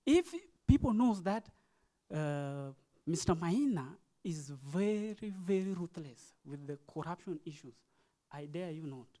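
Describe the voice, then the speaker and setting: A forum participant with a Kenyan accent gives an impromptu speech at a youth forum, halting yet earnest, urging listeners on with rhetorical questions. His voice is on the high side, animated, and mellow.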